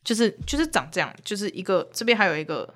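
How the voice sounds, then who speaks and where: A woman co-hosting a casual chat show, telling lively stories and loudly acting out the lines. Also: mid-range voice, fast talker. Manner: lively storyteller, acts out quotes loudly. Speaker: podcast co-host.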